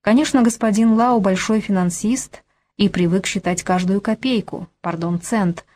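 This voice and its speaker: A woman's voice: medium pitch, moderate pace, dark tone, natural voice. Woman reading as a flustered young guy, protesting, exasperated. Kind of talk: audiobook character voice.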